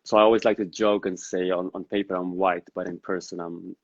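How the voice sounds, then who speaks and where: Crowd noise sits behind a flat, low, creaky male voice moving a little fast, recorded with dull lo-fi sound. He's a podcast guest from the Netherlands whose first language is Dari, chatting in a casual interview. His manner is earnest and reflective as he reasons aloud.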